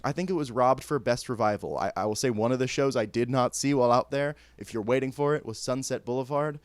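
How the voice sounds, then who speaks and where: A man who reviews theater shows vlogs in a casual, candid and opinionated way, joking, laughing mid-sentence and stumbling over restarts. His voice is mid-range and quick, with no echo.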